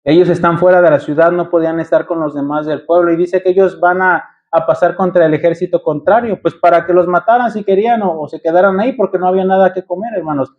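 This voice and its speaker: A man's voice: high-pitched, steady tone, fast talker, hardly any pauses, dull audio. A man with a Mexican accent preaching a sermon as pastor, firing rhetorical questions and addressing his congregation as brothers. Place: church.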